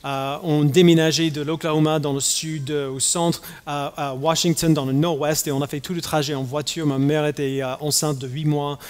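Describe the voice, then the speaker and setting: Man, pastor, raised in the US; halting sermon delivery full of restarts; long church-hall reverb. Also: on the high side, flat delivery. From United States. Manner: halting, many fillers and restarts.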